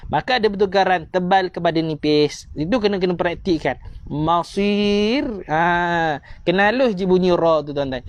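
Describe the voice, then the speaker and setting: A man with a Malaysian accent teaching a tajwid lesson online, repeating points and coaxing listeners to recite after him. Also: sits high. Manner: repetitive, coaxing teacher, slows to drawn-out recitation.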